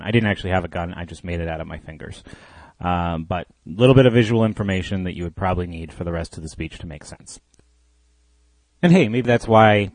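Deep-voiced man stepping out of his act. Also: dry recording. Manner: casual, explanatory, breaking from the act. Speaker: speaker. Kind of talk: aside during a live comedic speech.

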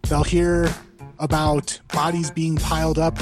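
A man's voice: on the high side, flat delivery, a little slow. A man giving an explanatory podcast monologue as host, with emphatic repetition. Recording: music behind the voice.

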